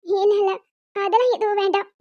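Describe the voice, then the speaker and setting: A woman's voice: very high-pitched, steady tone, brisk, mellow, dry recording, muffled recording, voice pushed up. A woman voicing a tearful, apologetic young bride in a cartoon, with a small pleading voice. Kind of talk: cartoon voice acting.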